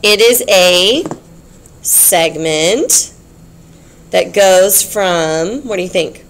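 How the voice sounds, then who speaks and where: A woman's voice: fairly low pitch, lively intonation, very slow, a little hiss or hum. A woman teaching a geometry class, explaining patiently, repeating key points and checking in with her students. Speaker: math teacher.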